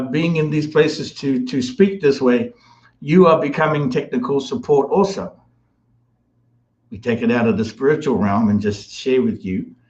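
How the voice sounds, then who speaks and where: A man from New delivers a spiritual talk that wanders and repeats itself. His voice sits at a middling pitch and is full of fillers and restarts. The audio sounds a little dull and lo-fi. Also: darkish tone. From New Zealand. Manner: meandering, repetitive, with many restarts and fillers. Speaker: spiritual guest speaker.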